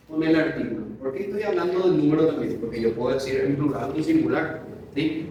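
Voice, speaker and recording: A man teaching a grammar lesson, often stopping to check that his students follow with quick tag questions. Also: sits high, a little mellow, slight background noise. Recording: very echoey room, voice distant from mic.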